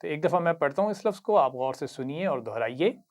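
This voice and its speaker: A man's voice: on the high side, expressive. Patient Urdu-accented male Quran teacher. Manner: patient, praising, recites words slowly and drawn out. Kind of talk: slow instructional lesson.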